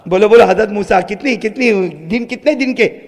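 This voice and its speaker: An animated male preacher tells a sacred story dramatically and keeps prompting his listeners to respond. His voice is high-pitched with a gravelly edge. A long hall reverb follows every phrase. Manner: animated, prompting the crowd to answer. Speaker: preacher, Quran reciter. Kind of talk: dramatic religious storytelling sermon.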